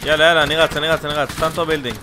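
A twenty-year-old man hosting a let's play, giving excited commentary into a headset and bursting into loud exclamations. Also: on the high side, background noise. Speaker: gaming channel host. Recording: gunfire and game sounds loud behind.

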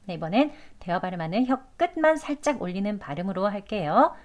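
A woman teaching English pronunciation in Korean, with slow, drawn-out demonstration words between brief explanations. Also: medium pitch, big pitch swings. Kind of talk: pronunciation lesson.

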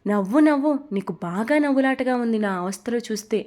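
In a slightly high voice, a woman reads as a flustered young woman who keeps snapping and scolding. She sounds exasperated and quick to lose patience, like a romance heroine in an audio storybook. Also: expressive, a little mellow, natural voice.

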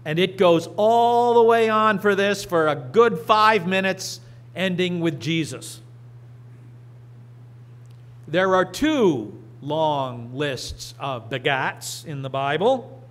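Middle-aged man, pastor, unhurried sermon, emphatic rises, lectern mic in a church. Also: high voice, a bit bright. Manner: slow, deliberate delivery with emphatic rises. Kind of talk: sermon and scripture reading. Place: church sanctuary. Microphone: lectern microphone.

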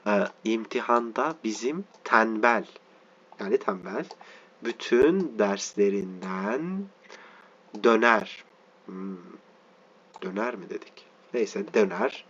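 A man teaching a reading lesson, reading slowly word by word and stopping to spell out letters and explain meanings. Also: on the low side, expressive, a bit bright, slightly rough, highs cut off.

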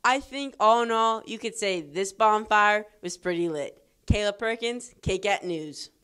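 A woman student reporter for a school news show, pressing with quick follow-up questions. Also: medium pitch, fairly bright tone. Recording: music underneath.

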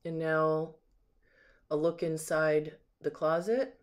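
A slow, steady mid-range voice guides viewers through an empty house. The home sales agent, holding the camera, speaks off the cuff indoors, describing and appreciating things item by item.

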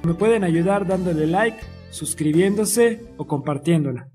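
A young man narrating an animated storytime in a lively, self-mocking way, acting out other people's lines. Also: high voice, measured pace, faint music behind.

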